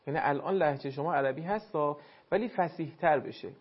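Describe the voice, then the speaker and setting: A man's voice: a little high, husky. Male recitation teacher, formal and polite, slightly raised voice, dull lo-fi broadcast sound. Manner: formal, courteous and instructive. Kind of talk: on-air recitation feedback.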